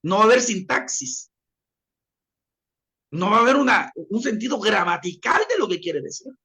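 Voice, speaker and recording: A man gives a classroom lecture, leaning on repeated examples and addressing his listeners directly. His pitch moves a lot, rising and falling as he explains. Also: big pitch swings, normal speed, bright, forceful tone. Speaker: teacher.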